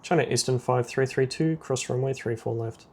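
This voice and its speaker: Playing a simulator game as an air traffic controller, a man gives terse procedural radio instructions with a creaky quality. His voice is mid-range and his pace moderate.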